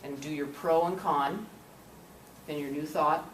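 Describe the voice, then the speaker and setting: A deep-voiced woman runs a workshop and keeps checking that her listeners follow along. She is picked up from far away by a camcorder, so the room echoes around her and a steady noise runs underneath. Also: unhurried. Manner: coaxing, checks understanding with frequent "okay?". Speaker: workshop presenter. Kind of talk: interactive workshop lecture. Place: classroom or meeting room.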